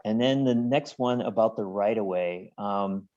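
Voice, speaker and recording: A man's voice: fairly low pitch, measured pace, a little mellow. A man answering public questions on a webinar, hesitant and full of fillers, speaking from home over a video call. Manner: hesitant, many fillers and restarts. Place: home office with work being done. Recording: muffled lo-fi video call audio.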